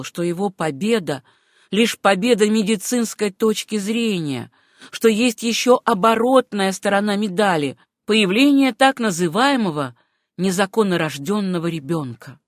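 An audiobook narrator reading a novel in an even, measured storytelling manner. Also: mid-range voice, no room sound, clean studio sound.

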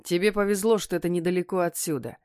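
A woman voicing a gruff, burly male kidnapper who talks in a mocking, curt way, read as a character in an audiobook. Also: lowish voice, fast talker, a little mellow, no room sound, studio quality, natural voice.

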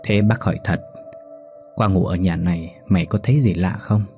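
A man voicing an anxious, superstitious old village man who speaks in a shaky, hushed way. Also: deep voice, steady tone, moderate pace, soft background music. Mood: curious.

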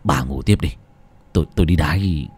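A man's voice: brisk, darkish tone, slightly rough, full character voice. A man doing a stammering, frightened old husband. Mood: shaken. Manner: stammering, low and shaky.

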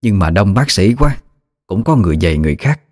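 A man's voice: lowish voice, sing-song, fast, darkish tone. Man voicing a blunt old great-aunt. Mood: blunt, marveling. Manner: blunt, exclaiming, rustic speech.

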